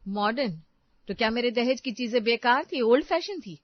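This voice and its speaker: A woman voicing a resentful young elder daughter-in-law in a cartoon family story, complaining in sharp retorts. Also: on the high side, expressive, moderate pace, no echo, natural voice. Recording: dry, dull lo-fi voice track.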